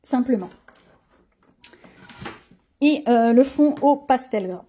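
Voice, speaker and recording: A woman's voice: sits high, expressive, slow pace, warm tone. A woman hosting a coloring channel, chatting casually and showing her pages, grumbling and poking fun at herself. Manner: chatty, grumbling and self-mocking.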